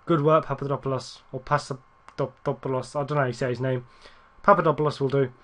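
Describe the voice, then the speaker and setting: A man giving casual, rambling gameplay commentary, correcting himself often and getting excited at near misses. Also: mid-range voice, very fast. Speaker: gaming YouTuber.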